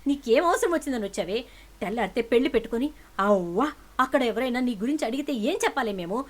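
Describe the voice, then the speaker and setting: Woman doing a furious shouting mother. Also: a little high, expressive, fast talker. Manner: shouting, berating. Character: angry domineering middle-aged mother.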